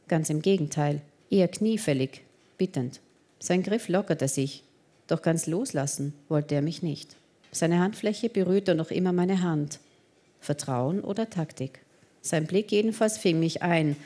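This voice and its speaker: Low mellow woman reading a story. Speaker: audiobook narrator. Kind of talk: first-person scripted narration.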